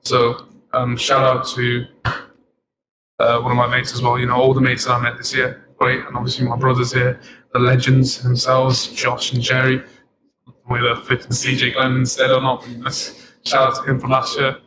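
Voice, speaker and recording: A man's voice: mid-range voice, completely flat delivery, normal speed, noisy background. A young man from Sri Lanka, a chemistry student co-hosting a podcast, talking casually and rambling with frequent laughs. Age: young adult. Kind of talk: casual chat.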